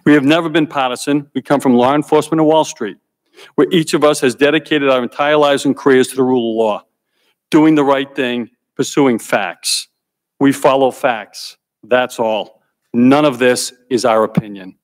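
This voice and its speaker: A man testifying at a congressional hearing, speaking deliberately and stressing key points by repeating them. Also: mid-range voice. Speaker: hearing witness. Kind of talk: prepared testimony.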